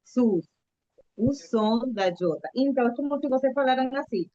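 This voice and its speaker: A woman's voice: high voice, animated, moderate pace, warm tone, dry recording, lo-fi sound. A woman teaching a live online Spanish lesson to children, patiently repeating letters and coaxing the kids to answer.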